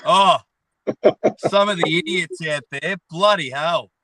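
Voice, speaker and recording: Sitting in his car, the Aussie arm wrestling figure joins a live stream as a guest, cracking jokes and swearing bluntly in a nasal, stuffed-up voice. He takes his time, speaking a little high in a pushed, bright way. The recording is rough.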